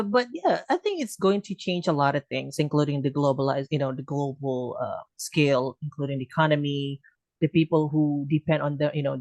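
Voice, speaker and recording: A man speaks in a rambling, loose way, filling gaps with "you know" and slipping in jokes. His voice has a gravelly, creaky edge. It sounds close and dry, with almost no room around it. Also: fairly high pitch, no room sound. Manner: rambling, many "you know" fillers, joking asides. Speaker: discussion participant. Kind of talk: casual online group discussion.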